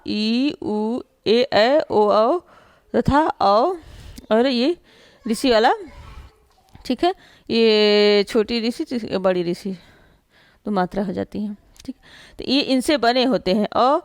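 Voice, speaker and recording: Clear, higher-voiced teacher woman. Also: no room sound, clean studio sound. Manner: explains slowly with many fillers and repeated "ठीक है" checks; draws out sounds when demonstrating pronunciation. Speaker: Hindi teacher. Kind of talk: classroom grammar lesson.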